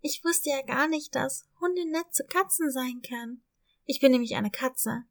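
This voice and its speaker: Timid lost kitten girl, high and fearful, played by a woman. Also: measured pace, creaky, fairly bright tone, exaggerated voice. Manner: fearful, hesitant.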